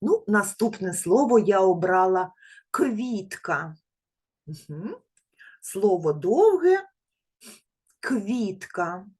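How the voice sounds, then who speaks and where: Kindergarten teacher lady, super lively sing-song pitch, slow and gentle, stretches out the sounds for the kids. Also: husky. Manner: gentle, praising, uses endearing diminutives. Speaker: preschool teacher. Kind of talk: remote literacy lesson for small children.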